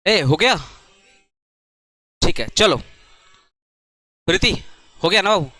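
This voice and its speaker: Brisk high-voiced male commerce tutor. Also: expressive, pushed and bright, no echo. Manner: brisk, urges students to write fast, repeats terms. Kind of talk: classroom lecture. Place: coaching classroom.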